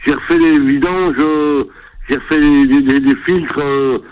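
A middle-aged man with a raspy smoker's voice calling a radio phone-in to pitch classified ads, haltingly and repeating words. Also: steady tone. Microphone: telephone. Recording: narrow-band phone line.

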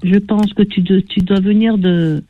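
A woman's voice: mid-range voice, fairly even intonation, unhurried, dry recording. Woman caller on a dull phone line. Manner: hesitant, repeats her words. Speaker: radio caller. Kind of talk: phone call-in chat.

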